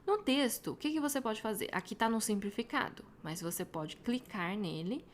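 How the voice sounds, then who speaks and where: A woman with a Brazilian Portuguese accent, a Mandarin teacher walking viewers through a website in a chatty tutorial, tagging her sentences with quick questions. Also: a little high, lively intonation, a little hiss or hum. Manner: chatty, frequent tag questions. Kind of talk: casual screen-share tutorial.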